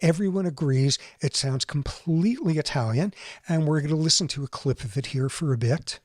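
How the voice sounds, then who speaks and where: A man's voice: fairly high pitch, fairly quick, no echo. Man explaining brain science, dry close sound. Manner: explanatory, animated, mimics accents briefly. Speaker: podcast host explaining neuroscience. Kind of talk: conversational lecture.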